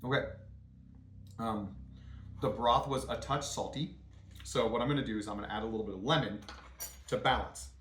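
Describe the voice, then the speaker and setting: A man's voice: medium pitch, normal speed, long pauses, slight background noise. Casual man cooking in an echoey kitchen. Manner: relaxed, rambling, with many ums and uhs. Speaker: home cooking channel host. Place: home kitchen.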